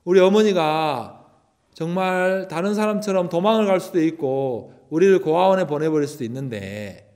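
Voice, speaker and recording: A man's voice: a little high, animated, normal speed, darkish tone. A man, a missionary, preaching a sermon to teenagers and telling a story from his childhood, acting out the people in it.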